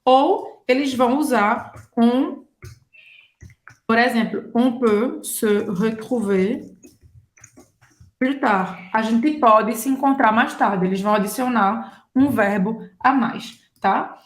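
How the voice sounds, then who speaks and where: A woman's voice: on the high side, takes it slowly, roomy sound. A Brazilian woman with a Brazilian Portuguese accent, teaching French in a casual online lesson and explaining patiently, checking in with her listeners as she goes. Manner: explains patiently, checks in with "tá?", acts out little dialogues.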